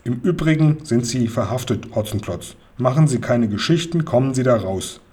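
A man's voice: mid-range voice, expressive, moderate pace, dark tone, natural voice. A man voicing a pompous, officious male village police sergeant who grumbles. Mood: grumbling.

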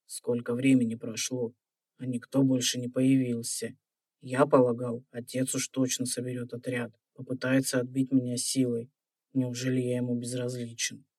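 An actor playing an anxious, plaintive young prince held captive in an audio fairy tale. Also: male voice, medium pitch, completely flat delivery, normal speed, darkish tone, slightly rough, no echo. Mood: forlorn.

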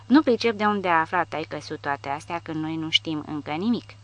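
A woman's voice: low voice, a bit bright. A woman reading the lines of a grumbling, skeptical older male soldier in an audiobook. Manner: grumbling, doubtful.

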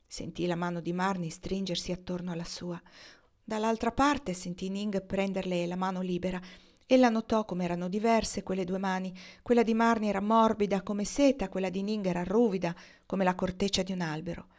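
Female audiobook narrator, calm, measured reading. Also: mid-range voice. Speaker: audiobook reader. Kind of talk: novel reading.

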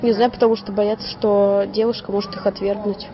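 A woman's voice: medium pitch, level tone, brisk, lo-fi sound. A woman frankly answering a street interviewer. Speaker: passer-by interviewee.

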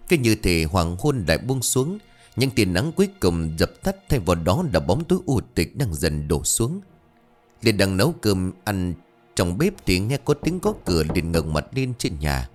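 A man with a low voice narrates a ghost story with suspense, his pitch swinging widely. Soft music plays faintly underneath. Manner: dramatic, suspenseful.

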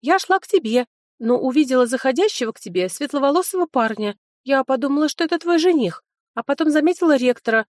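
A woman reading an audiobook, voicing an excitable, chatty young female friend in a raised, eager tone. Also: sits high, fast talker, dry recording, clean studio sound, pitched above the performer's own voice.

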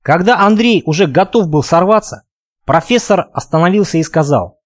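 A man narrating an audiobook in an expressive storytelling manner. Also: high-pitched, normal speed, dry recording, studio quality. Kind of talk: scripted narration.

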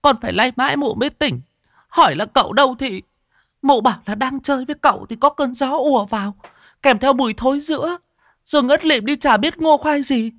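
A man voicing a panicked, tearful young daughter-in-law in a spoken ghost story, talking shrill and fast. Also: fairly bright tone, no echo, clean studio sound. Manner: shrill, fast, breathless sobbing speech.

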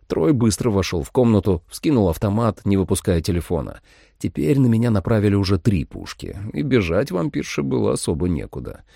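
A man narrating a first-person monster-hunting audiobook in a steady storytelling voice. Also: on the low side, gravelly, dry recording, clean studio sound.

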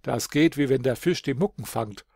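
A man's voice: medium pitch, normal speed, vocal fry, slightly rough, no room sound, clean studio sound. Holdrio, a man doing a cheerful young goatherd. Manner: lively, good-natured, exclaiming.

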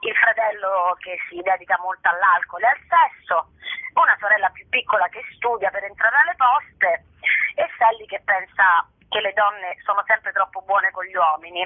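An actress and artistic director is interviewed by phone about her show, her medium-pitched voice moving at a moderate pace with no echo. She chats spontaneously, digressing and searching for words, over a thin, band-limited line.

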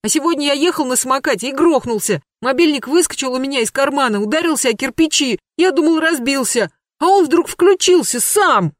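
A reader voicing a frightened but defiant eight-year-old boy who wails and protests in a high, shrill voice. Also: lively intonation, a little fast, few pauses, a bit bright, dry recording, clean studio sound. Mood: scared, stubborn. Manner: shrill wailing. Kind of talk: audiobook character voice.

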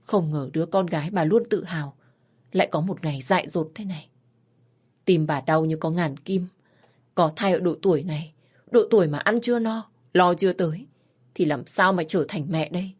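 A woman narrating an audio story in a slow, grave way. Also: fairly low pitch, a little mellow, breathy edge.

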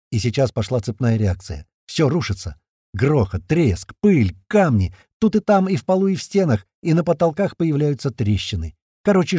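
A man's voice: medium pitch, warm tone, breathy edge, no room sound, clean studio sound. A man narrating a first-person action audiobook in a terse, punchy, slangy manner.

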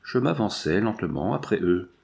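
A man narrating an audiobook in an expressive, dramatic reading style. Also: lowish voice, moderate pace, gravelly. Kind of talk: scripted narration.

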